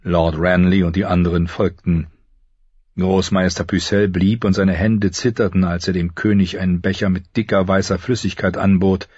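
A male audiobook narrator with a very deep, husky voice, telling the story in a measured, grave way. The recording is dry and slightly dull, with no room around the voice. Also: little pitch movement, darkish tone, no room sound. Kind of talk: scripted narration.

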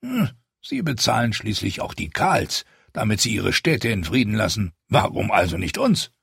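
A man's voice: lowish voice, sing-song, normal speed, gravelly, fairly bright tone, husky, no echo, studio quality, heavily acted. A man voicing a cheerful old mercenary captain who drawls and hems as he argues. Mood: scheming. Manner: hesitant, drawling, many filler sounds.

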